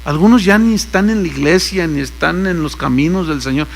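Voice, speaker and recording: A Mexican pastor with a slightly high, fairly quick, gravelly voice preaches a sermon in Mexican-accented Spanish. He tells stories, acts out the dialogue, and drops in joking asides.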